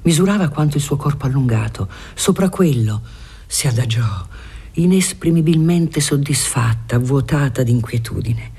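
A measured literary audiobook narration that sinks into whispers at tender moments, read in a breathy voice. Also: mid-range voice, animated, mellow.

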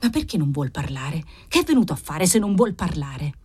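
A woman's voice: low-pitched, very animated, fairly quick, mellow, slightly rough, voice pushed down, heavily acted. A woman reading the part of a zealous, desperate nobleman father, speaking with urgent insistence. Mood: insistent.

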